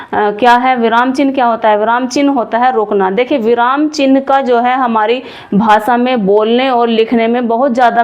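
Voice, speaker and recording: A young adult woman teaching a grammar lesson, explaining step by step, often rephrasing and answering her own questions. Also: on the high side. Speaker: Hindi teacher. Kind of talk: classroom-style grammar lesson.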